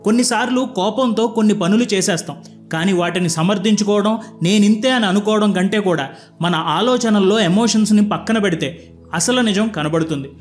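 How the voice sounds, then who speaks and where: A man narrating stories and explaining their lessons in a calm, scripted telling. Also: high voice, fairly quick, faint music behind.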